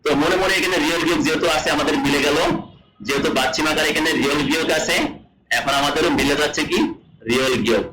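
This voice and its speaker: Bright-voiced man teaching a language lesson. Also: a little high, steady tone, quick pace, roomy sound, low-quality recording. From Bangladesh. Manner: repeats rules and asks the class questions. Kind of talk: classroom lesson explanation.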